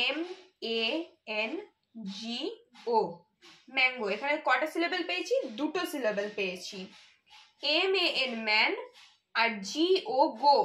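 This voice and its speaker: A woman teaching a children's English lesson, spelling out words slowly and patiently, letter by letter. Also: sits high, pushed and bright. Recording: echoey room.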